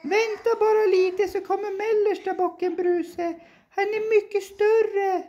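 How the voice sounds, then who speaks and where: A woman voicing a tiny, timid young billy goat in a storybook reading, with a squeaky, pleading voice. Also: fairly even intonation, warm tone, highs cut off.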